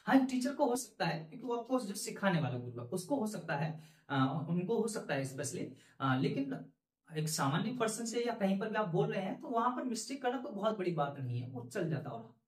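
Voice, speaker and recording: A male spoken English teacher giving an earnest, encouraging lesson talk to learners, repeating his points with rising emphasis. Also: on the high side. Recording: echoey room.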